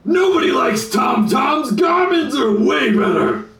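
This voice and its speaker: A man voicing a pompous, bossy male lord who yells his commands through a bongo drum. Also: extremely high pitch, very animated, gravelly, reverberant, far from the mic, faint music behind, exaggerated voice. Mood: booming. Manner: shouted, drawn-out commands. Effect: yelled into a bongo drum.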